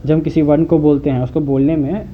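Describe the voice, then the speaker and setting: A man tutoring online, explaining each term slowly and repeating it, often checking with "okay". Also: fairly high pitch, flat delivery. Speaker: Sanskrit tutor. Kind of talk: online lecture. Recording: muffled phone-like audio with faint hiss.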